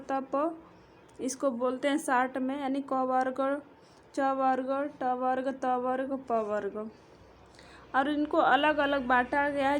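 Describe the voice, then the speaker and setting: A high-voiced woman teaching a grammar lesson, stretching out each sound as she counts through the letters. She speaks at an unhurried, deliberate pace. A faint hiss of background noise sits behind her. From India. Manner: slow, drawn-out, explanatory, counting letters aloud.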